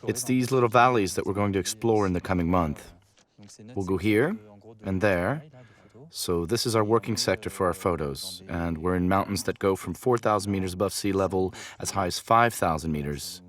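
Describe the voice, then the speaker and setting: A man speaks in a fairly low voice, explaining things as a wildlife photographer would. The style is nature documentary commentary. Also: normal speed.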